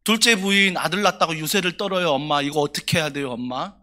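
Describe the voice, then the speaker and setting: A man's voice: on the high side, quick pace, bright, forceful tone. A man acting as an aggrieved, pleading young wife. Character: grieving young wife pouring out complaints.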